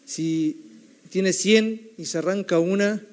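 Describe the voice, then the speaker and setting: A young man delivers a sermon in a slightly high voice. His tone is mellow and warm rather than bright. He tells the story conversationally, often checking in with the listeners through a tag question. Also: slow, smooth. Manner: keeps adding the tag question "right?", storytelling tone. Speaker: theology student preaching.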